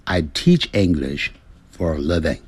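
A man's voice: a bass voice, husky, no room sound, pitched below the performer's own voice, exaggerated voice. A man reading a textbook woman's lines. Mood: plain. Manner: slow, carefully spoken example lines. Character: adult woman Mary in a textbook dialogue.

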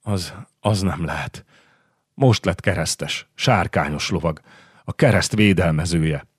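A man's voice: sits low, husky, no echo, clean studio sound. A man voicing a weak, frightened bedridden priest who speaks faintly and hesitantly in an audiobook. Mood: disbelieving.

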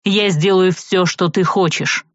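A woman's voice: on the low side, fairly even intonation, unhurried, no room sound, muffled recording, close to an everyday voice. A woman voicing a pleading young man. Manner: pleading, breathless. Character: desperate young man, a future necromancer.

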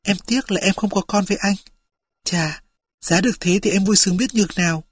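A soft, husky young woman pleading close to the mic, breathy and gentle, as an audiobook reader puts her on. The voice sits a little above the reader's own and trails off into hushed, intimate tones. The recording is dry, with no room sound. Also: medium pitch, steady tone, normal speed, no echo, pitched above the performer's own voice, natural voice. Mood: whispering. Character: young forest woman, tender, frail and wistful.

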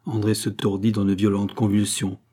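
A man narrating a classic novel in a measured, steady reading. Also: on the low side, breathy edge. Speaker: audiobook narrator. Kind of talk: scripted literary narration.

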